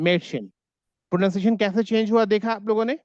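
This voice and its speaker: A man's voice: high-pitched, little pitch movement, rapid-fire, darkish tone, lo-fi sound. A man teaching a German class online in Hindi, patiently repeating words so his students can echo them.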